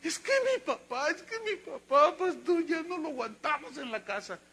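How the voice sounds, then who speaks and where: A man's voice: very high voice, animated, normal speed, sharp tone, pitched above the performer's own voice, exaggerated voice. A man voicing a young girl who is crying and pleading. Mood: distressed. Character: tearful young girl, upset about her father.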